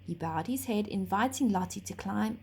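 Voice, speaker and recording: A woman with a mid-range, animated, husky voice reads a children's story aloud like a teacher, expressive and dramatic with deliberate phrasing.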